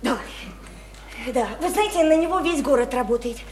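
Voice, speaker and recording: An actress with a high, animated voice plays a naive, sickly, talkative small-town woman in a stage-style radio drama, speaking at a normal pace. Her character rambles in simple, insistent folksy speech, chatty and artless, against a roomy echo with faint noise.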